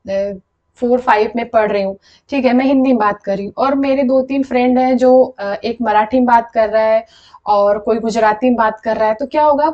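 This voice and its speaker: Young female teacher, bright higher voice, patient explainer, muffled lo-fi recording. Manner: explanatory, repeats "thik hai" to check in. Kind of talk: exam-prep lesson.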